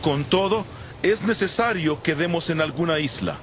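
A man's voice: fairly high pitch, animated, normal speed, background noise, natural voice. A man playing the apostle Paul, an earnest prisoner exhorting solemnly in a dramatized audio Bible. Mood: exhorting, confident. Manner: solemn, declamatory.

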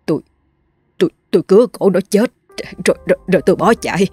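A woman's voice: lowish voice, lively intonation, normal speed, darkish tone, husky, soft background music. A woman voicing a frightened older man in a spoken horror story, stammering and trembling as he talks. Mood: terrified stammer. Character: frightened older man, guilty civil servant.

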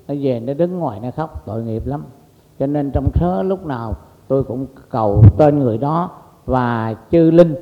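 A man, a Buddhist monk, giving a sermon in a conversational storytelling way, with many fillers, acting out the voices of the people in his story. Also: mid-range voice. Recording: lo-fi recording with long hall reverb.

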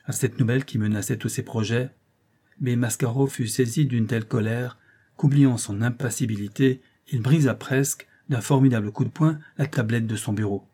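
A man narrating an audiobook in a measured storytelling reading. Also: medium pitch, fairly even intonation, dark tone, breathy edge. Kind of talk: scripted narration.

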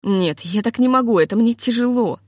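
Read as a woman voicing a tired, tender middle-aged composer from a storybook. Keep him soft and self-doubting, with a somewhat high, dry, close sound. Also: brisk, dry recording, lightly acted. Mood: weary. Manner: weary, self-reproaching, pleading. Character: anxious gentle middle-aged male composer.

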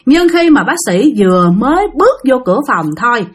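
A woman's voice: a little high, sing-song, fairly quick, slightly rough. A woman with a Southern Vietnamese accent telling a ghost story and chatting directly to her listeners. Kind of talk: spoken ghost-story narration.

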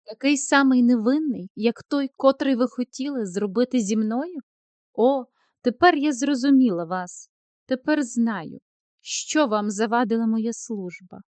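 A woman's voice: a little high, lively intonation, measured pace, darkish tone, no echo. A woman reading the part of a proud young post office clerk who answers coldly and reproachfully. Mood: anguished. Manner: cold, reproachful, turning tearful. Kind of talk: audiobook character reading.

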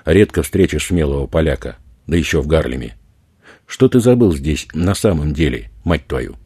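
Man voicing a swearing street thug, very deep raised voice, husky, dry sound. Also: animated, moderate pace, dry recording, full character voice. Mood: threatening. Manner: loud, swearing, bullying. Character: rough male street robber, crude, menacing.

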